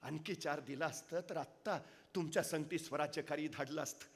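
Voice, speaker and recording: A man's voice: a little high, steady tone, brisk, husky, in a large hall. A man voicing a fierce grieving village mother. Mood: impassioned. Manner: rustic village speech, emotional and insistent. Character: grieving old village mother, proud, defiant. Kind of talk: dramatic storytelling in a public speech.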